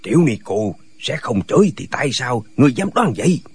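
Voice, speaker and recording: A man's voice: mid-range voice, very animated, brisk, breathy edge, no room sound, heavily acted. A man voicing a group of quarrelsome, foolish male martial hermits in a radio drama reading, bickering back and forth. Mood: indignant.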